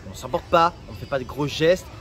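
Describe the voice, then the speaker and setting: A man's voice: a little high, quick pace, fairly bright tone. A man from France giving travel tips in a casual vlog, chatty and joking, speaking straight to viewers outdoors. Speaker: travel vlogger.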